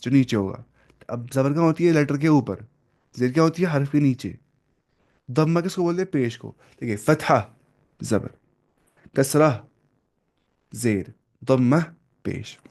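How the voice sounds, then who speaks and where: A man teaching a recitation lesson, asking his students questions over and over and slowing down to spell out terms, clearing his throat now and then. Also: a little high, darkish tone. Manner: drills students with repeated questions. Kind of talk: classroom lesson.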